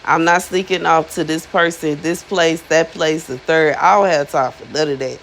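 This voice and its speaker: This spiritual influencer in her thirties has a deep, slightly bright voice with fairly even intonation and a moderate pace. She talks to her viewers in a slangy, emphatic, chatty monologue, repeating things for effect, over a low-quality recording with a little hiss or hum.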